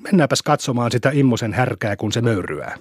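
Excitable young country boy, as a narrator puts him on. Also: medium pitch, slightly rough, no room sound, clean studio sound. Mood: eager. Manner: curious, easily excited.

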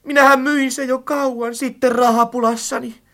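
A performer voicing an eager, clumsy, easily frightened companion in an audiobook story, with lively, expressive delivery. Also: high-pitched. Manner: lively, expressive, calls out loudly. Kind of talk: audiobook character acting.

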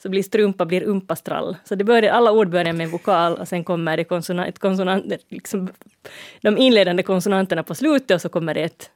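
A woman's voice: fairly low pitch, darkish tone, no room sound. Finland Swedish woman, dry close sound. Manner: laughs often, explains at length. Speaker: radio co-host. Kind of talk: casual radio chat.

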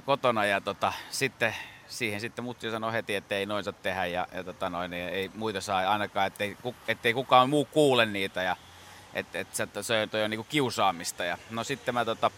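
Man, guest impressionist, rambling, filler-heavy, bright tone, lowish voice, studio. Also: slight background noise. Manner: rambling, many fillers and restarts. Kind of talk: casual interview talk.

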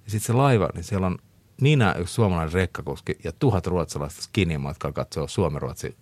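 Deep-voiced chatty man. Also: a little mellow, no room sound. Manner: chatty, laughs often, many fillers and restarts. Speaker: guest. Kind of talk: casual storytelling interview.

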